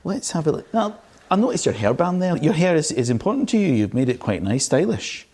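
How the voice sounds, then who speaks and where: A man playing a friendly, eccentric careers advisor with a thick Highland Scottish accent and an emphatic, exaggerated way of talking in a comic hidden-camera chat. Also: big pitch swings, brisk, darkish tone. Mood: encouraging. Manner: exaggerated, emphatic, swooping greetings. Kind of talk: improvised comic character chat.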